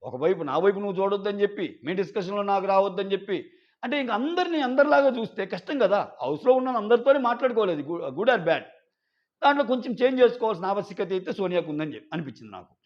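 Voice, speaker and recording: High-voiced man recapping a show. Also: lively intonation. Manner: retells scenes, quoting contestants in quick acted snippets. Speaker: show reviewer. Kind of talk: casual episode recap. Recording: dull lo-fi audio.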